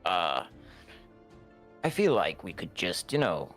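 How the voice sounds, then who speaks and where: A man's voice: sits low, big pitch swings, slow pace, a bit bright. A man doing casual improvised role-play in a tabletop game, hesitant and often trailing off. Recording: music playing behind the voice.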